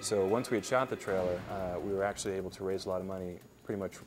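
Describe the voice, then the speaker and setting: A low-pitched man gives a behind-the-scenes interview as a film director. He explains things reflectively, and music plays clearly behind his voice. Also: fairly even intonation, racing.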